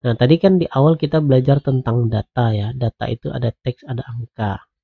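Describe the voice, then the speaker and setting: Guy walking students thru coding basics, slow and patient, husky voice, tinny phone-ish audio. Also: mid-range voice, fairly even intonation. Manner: slow, patient explaining with frequent "nah" and "ya". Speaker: programming lecturer. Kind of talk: screen-recorded coding lecture.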